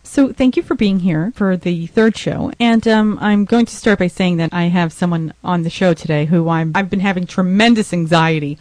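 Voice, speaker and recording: A woman's voice: on the low side, normal speed, few pauses, a little mellow, no room sound. Rambling woman podcast host, dry sound. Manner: rambling, venting, exasperated outbursts. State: stuffy from a sinus headache. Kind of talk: casual monologue.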